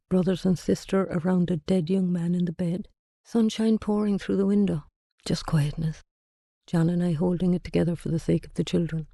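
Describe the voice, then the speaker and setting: A middle-aged woman reads her own memoir aloud, slow and quiet, with long pauses. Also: on the low side, gravelly, dry recording, clean studio sound. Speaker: narrator. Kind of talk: memoir reading.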